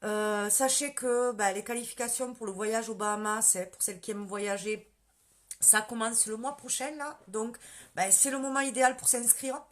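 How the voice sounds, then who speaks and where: A woman's voice: a little high, steady tone, moderate pace. A woman with a strong southern French countryside accent, chatting casually on a live stream, answering viewers' questions about her sales work and greeting commenters by name. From southern France. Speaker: beauty sales consultant.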